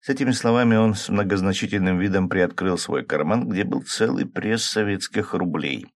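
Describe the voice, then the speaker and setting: A man narrating a first-person audiobook in a calm manner, shifting his pitch slightly to voice the characters. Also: normal speed.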